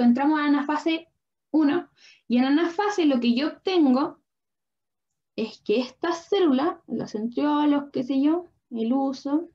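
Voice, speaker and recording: A young female biology tutor with a high, darkish voice teaches online at a drawing board, patiently working through the lesson and often asking whether students are keeping up. The audio has a dull, lo-fi online-class quality.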